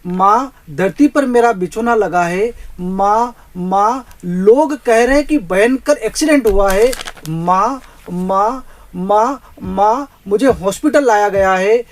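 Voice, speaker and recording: A man's voice: high voice, slow pace, voice pushed up, low-quality recording. A man reciting a poem in the voice of a young adult son, repeatedly calling out to his mother from a party. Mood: anguished. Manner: pleading, repeating "mother" over and over.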